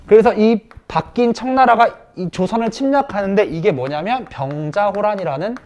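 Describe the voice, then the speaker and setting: A male high school history teacher giving a casual storytelling lecture, acting out characters in quick asides. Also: darkish tone, highs cut off.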